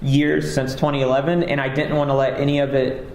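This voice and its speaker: A game developer rambles casually through a conference talk, full of fillers and self-deprecation, in a gravelly, medium-pitched voice with little pitch movement and a slightly fast pace. The stage recording has an echoey hall, faint ambience and slight background noise.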